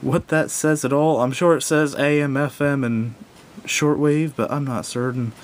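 A man reviews a product hands-on, casually and without a script, rambling, hesitating and correcting himself as he goes. His intonation stays fairly even and his pace is moderate. He sits indoors at a wooden table, and the home recording is noisy with a low rumble underneath.

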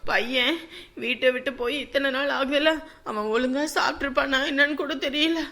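Tearful mother, high pitch, bright tone. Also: moderate pace. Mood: hopeful. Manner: tearful, pleading. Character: anxious village mother grieving a missing son. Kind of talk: village web-series drama.

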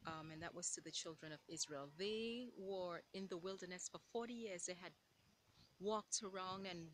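A woman's voice: on the low side, normal speed, slight background noise. A woman vlogging casually while walking outdoors on a mountain trail, out of breath and chatty, laughing at her own jokes.

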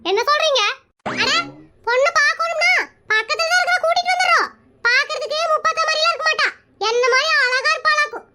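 A woman's voice: extremely high pitch, fast talker, pushed and bright, heavily acted. A woman voicing a pushy, chatty married aunt in a cartoon comedy, who plays matchmaker and talks. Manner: brash, nosy, rambling.

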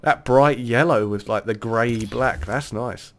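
A young man giving casual, chatty commentary as he opens game loot packs, now and then bursting into excited cheers. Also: medium pitch, unhurried, soft background music. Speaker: gaming YouTuber.

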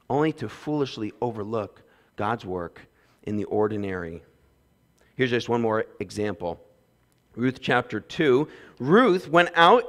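A man in his thirties preaching a sermon on a church stage through a headset mic, swinging between loud emphasis and quiet asides. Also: mid-range voice. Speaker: pastor. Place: church stage with windows behind.

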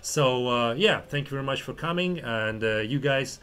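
A man's voice: medium pitch, animated, normal speed, fairly bright tone. A man from Russia with a Russian accent hosting a casual chat, hesitant, rambling and given to swearing. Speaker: podcast host, stand-up comedian.

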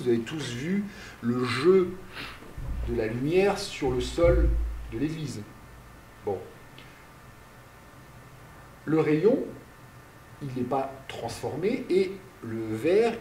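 A male university lecturer giving a public lecture, speaking slowly, explaining step by step, asking and answering his own questions, and calling for the next slide aloud. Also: medium pitch, animated, warm tone, slight background noise. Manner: directs slide changes aloud. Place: lecture hall. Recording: roomy, distant lecture hall recording.

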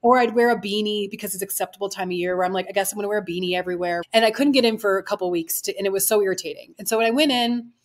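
A woman in her thirties hosting a podcast, chatting casually and telling a personal story with animated asides. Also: mid-range voice, rapid-fire, few pauses. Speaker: podcast host. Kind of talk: casual interview chat.

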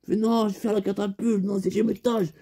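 High, dark-toned man spinning a comic tale. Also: flat delivery, brisk, slightly rough. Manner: rambling street-slang banter, acting out both sides of the dialogue. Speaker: comedian. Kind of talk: comic storytelling monologue.

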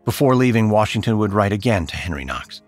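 A man narrating a history podcast from a script, in a measured and solemn storytelling manner. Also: on the low side, animated. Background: faint background music.

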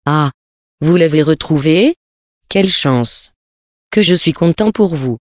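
A sly old beggar drawls in a slow, mock-humble way, pretending not to understand. A reader puts him on for a storybook, in a dry, close recording with no room sound. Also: medium pitch, lively intonation, no echo. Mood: teasing. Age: older. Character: sly, smiling old male beggar, playing dumb. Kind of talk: storybook reading.

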